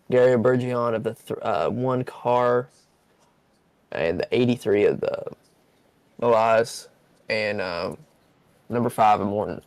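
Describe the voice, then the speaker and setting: A man calling an online truck race in a casual, excitable play-by-play. His voice sits at an ordinary middle pitch, and he restarts sentences often as the action unfolds. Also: vocal fry. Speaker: race commentator. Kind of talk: sim racing commentary.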